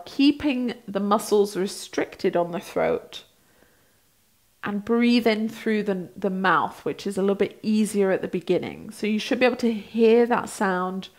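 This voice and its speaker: Woman gently guiding a breathing practice. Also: medium pitch. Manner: gentle, unhurried guiding with pauses. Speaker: breathwork and yoga instructor. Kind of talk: guided breathing practice instruction. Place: small bright indoor room, seated on a mat.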